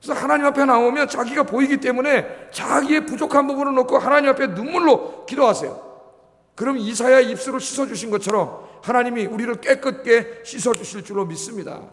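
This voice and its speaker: A middle-aged pastor with a very high-pitched, slightly bright voice preaches fairly quickly at a Friday prayer service. His sermon stirs the congregation through rhetorical questions and calls for answers, and the sanctuary lends it a long hall reverb.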